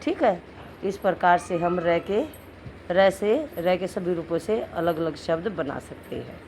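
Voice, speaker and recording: A woman teacher explaining a lesson to children, drawing out syllables slowly as she goes through each word. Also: on the low side, a little mellow. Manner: slow, explaining, drawn-out syllables. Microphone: phone. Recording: screen-recorded phone audio with faint noise.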